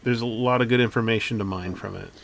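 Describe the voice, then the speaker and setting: A man hosting an economics channel, explaining in a chatty, energetic way with a few fillers. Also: lowish voice, quick pace, vocal fry. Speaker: channel host. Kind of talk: casual commentary to camera.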